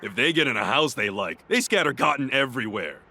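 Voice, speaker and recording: A man's voice: medium pitch, very animated, brisk, heavy background noise. A man playing a small, cocky, coffee-loving creature detective in a video game, with a wry, casual manner. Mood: relaxed, chatty. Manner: wry, self-satisfied, casual. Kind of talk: video game cutscene acting.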